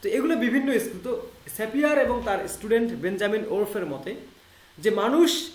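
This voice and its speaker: High-voiced bangladeshi guy teaching a linguistics class online, echoey room, keeps repeating key terms. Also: animated. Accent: Bangladeshi Bengali, Rangpur. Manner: explains English terms in Bengali, repeats key phrases; reads English text slowly and deliberately. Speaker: English literature teacher. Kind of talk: online lecture.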